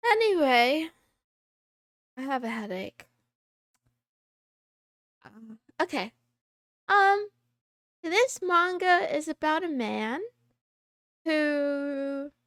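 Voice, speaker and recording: Woman streamer on a voice changer, high voice, slow rambly chat, laughs a lot. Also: a bit bright, no echo, studio quality. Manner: rambling, self-interrupting, laughs often. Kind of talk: casual chat.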